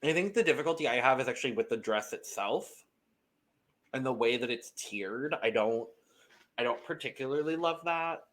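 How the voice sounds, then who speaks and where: A man co-hosting a podcast in casual chat, animated and playful, jumping in with quips. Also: mid-range voice, moderate pace. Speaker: podcast co-host.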